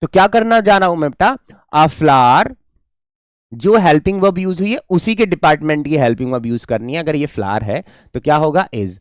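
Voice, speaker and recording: A man teaching a grammar lesson as a tutor. He explains patiently, calls his students "beta" and "my children", and reads the English example sentences slowly. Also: fairly high pitch, lively intonation, smooth, no echo, clean studio sound. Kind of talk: classroom-style grammar lesson.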